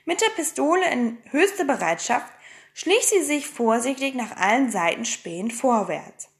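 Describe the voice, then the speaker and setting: Brief: woman audiobook narrator, animated delivery, slight vocal fry. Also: high voice, moderate pace, roomy sound. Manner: expressive storytelling. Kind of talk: audiobook reading.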